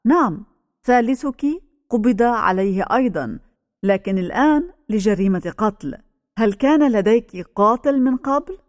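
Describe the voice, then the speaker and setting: A woman voicing an aging male village pastor who speaks slowly and solemnly. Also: a little high, lively intonation, a little mellow, dry recording, studio quality, natural voice. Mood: cold.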